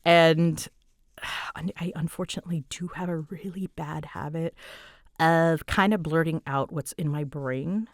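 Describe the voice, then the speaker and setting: In a dry, studio-quality recording, a woman with a low-sitting voice speaks at a measured pace. As a voice actress and host taking audience questions, she rambles casually in a bouncy, dramatic and giggly manner, often self-deprecating, with lively storytelling flair.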